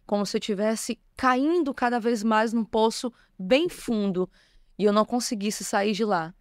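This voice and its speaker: A woman's voice: fairly high pitch, measured pace, no echo, clean studio sound. A woman, a bishop, telling her personal testimony in an interview, earnest and emotional. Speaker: bishop, guest.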